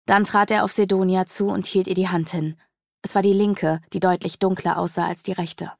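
A woman narrating a fantasy audiobook in a measured, expressive reading. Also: on the low side, vocal fry, dry recording, studio quality.

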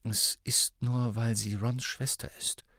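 A troubled teenage wizard boy, read by a man in an audiobook, talking quietly to himself. The voice stays near the reader's own, soft and hushed. The recording is dry. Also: mid-range voice, level tone, slow pace, no echo. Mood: subdued.

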